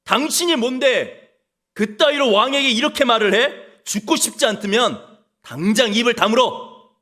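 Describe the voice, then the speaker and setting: A preacher acting out an indignant ancient king who shouts and makes excuses. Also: sits high, sing-song, normal speed, heavily acted. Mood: furious. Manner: shouting, indignant, self-justifying. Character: King David, furious then full of excuses.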